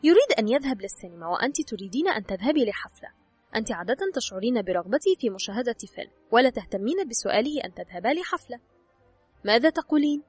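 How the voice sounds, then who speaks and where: Brisk, breathy woman reading advice. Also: a little high, big pitch swings, a little mellow, dry recording, faint music behind. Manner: instructive, addresses the listener directly. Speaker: audiobook narrator. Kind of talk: scripted narration of an advice book.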